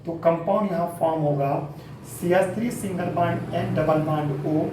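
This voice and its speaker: A man teaching chemistry to students, explaining each step patiently and checking understanding with quick questions. His voice sits a little high and sounds very echoey, picked up from a distance with a faint hum of ambience behind it. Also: darkish tone. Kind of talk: classroom lecture. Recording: echoey room, mic set back, faint ambience.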